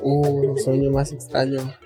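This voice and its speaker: A man's voice: mid-range voice, monotone, warm tone, faint music behind. A young man with a Mexican accent, a guest telling stories in casual chat. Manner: slangy, unhurried storytelling.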